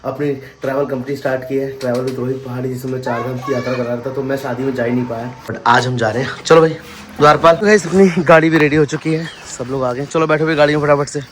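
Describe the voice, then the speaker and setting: Fast-talking young man vlogging with family. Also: mid-range voice, steady tone, noisy background. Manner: chatty, teasing, often calls out to viewers. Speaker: vlogger and travel company owner. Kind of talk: casual family vlog narration. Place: family homes and car, indoors and out.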